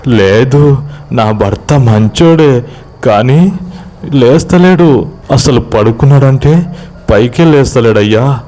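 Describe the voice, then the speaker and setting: A man voicing a weeping woman ghost who pleads for help, in a Telangana accent, with slow, drawn-out words. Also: mid-range voice, warm tone, smooth, pitched above the performer's own voice, lightly acted. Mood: pleading, sobbing. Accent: Telangana Telugu. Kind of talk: horror story voice acting.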